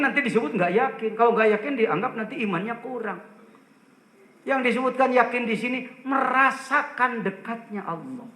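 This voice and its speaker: A man's voice: very high voice, sharp tone, echoey room, rough recording. A man preaching a sermon to a gathering, joking and putting questions to the audience.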